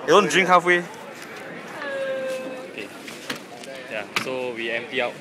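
A man's voice: medium pitch, expressive, measured pace. A young man with a Singaporean accent chatting casually in Singlish, with particles like lah and ah, in a handheld vlog. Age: young adult. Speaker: vlogger. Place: busy canteen and walkways. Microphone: phone at arm's length. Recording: busy crowd noise, handheld phone.

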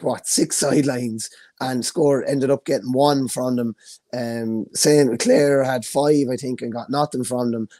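A man's voice: medium pitch, a little mellow, no room sound, clean studio sound. Irish man breaking down hurling stats. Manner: enthusiastic, stat-driven. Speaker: hurling analyst. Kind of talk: casual sports analysis.

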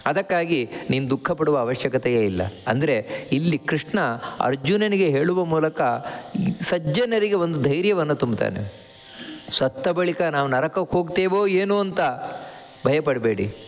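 A man's voice: on the high side, expressive. Man giving a scripture discourse in a reverberant hall. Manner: explains Sanskrit verses line by line, slow recitation of verses. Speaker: spiritual teacher.

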